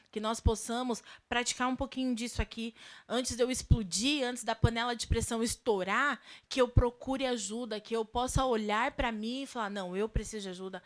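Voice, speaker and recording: Uma mulher de sotaque brasileiro apresentando uma live de oração da igreja e dando conselhos passo a passo. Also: female voice, on the high side. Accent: Brazilian Portuguese. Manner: warm advice-giving, lists steps. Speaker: church live prayer host. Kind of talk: church talk giving advice.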